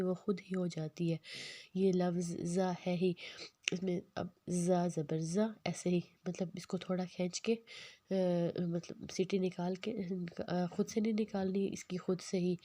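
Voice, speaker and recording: Woman teacher going over letter sounds again and again, lowish voice, dry close recording. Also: mellow, dry recording. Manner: patient, repeats letter drills slowly, many fillers. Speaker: Quran reading teacher. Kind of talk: recorded lesson explaining letters.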